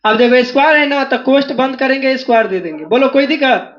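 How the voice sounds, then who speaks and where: A maths teacher with a strikingly high-pitched voice runs his class, drilling students to call out each step aloud. He sounds like he is in a classroom. The recording is dull and lo-fi. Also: fast. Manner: drills students, asking them again and again to answer aloud. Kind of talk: classroom lecture.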